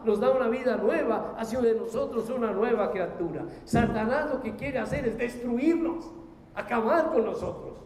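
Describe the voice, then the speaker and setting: A man's voice: very high voice, a little mellow. A man preaching a sermon, impassioned and full of rhetorical questions. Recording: echoey hall, faint noise.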